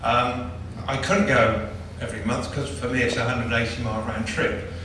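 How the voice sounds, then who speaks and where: A man's voice: medium pitch, fairly even intonation, normal speed, bright, forceful tone, slight background noise. A man, a club chairman, gives a chatty, joking after-dinner award speech. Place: large banquet hall. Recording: echoey hall, distant mic.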